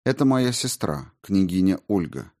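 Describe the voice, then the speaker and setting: A man voicing a calm, grave tsaritsa. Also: deep voice. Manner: calm, measured and sorrowful. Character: grave, composed fairy-tale tsaritsa.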